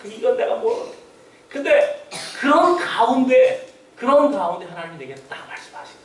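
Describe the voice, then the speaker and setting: A high-pitched man preaches with emphatic energy, firing rhetorical questions and chuckling asides. His voice fills a roomy church and reaches the mic from a distance, so it sounds slightly removed. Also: huge pitch swings, normal speed, slight background noise. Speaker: pastor. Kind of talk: sermon. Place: church sanctuary.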